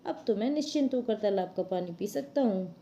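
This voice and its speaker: A woman's voice: medium pitch, expressive, fairly quick, dark tone, a little hiss or hum, natural voice. A woman voicing a sly, cunning male jackal in a storybook reading for children.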